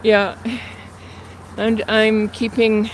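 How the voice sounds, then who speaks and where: A Canadian woman in her fifties livestreams from her phone as she walks through the city near traffic and train tracks, slightly out of breath. Her mid-range voice is completely flat and very slow, yet she chats and rambles to her viewers. Traffic noise fills the outdoor recording.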